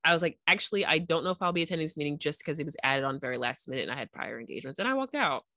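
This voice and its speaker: Low-voiced woman in her thirties, animated. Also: very fast, no echo, studio quality. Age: 30s. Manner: animated storyteller, acts out quoted people. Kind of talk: casual chat.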